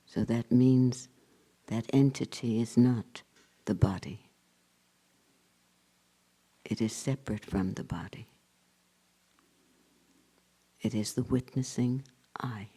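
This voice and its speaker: This meditation guide has a mid-range voice that is creaky and slightly rough. Acting as a spiritual teacher, he offers short phrases, pauses at length between them and lets each one close softly.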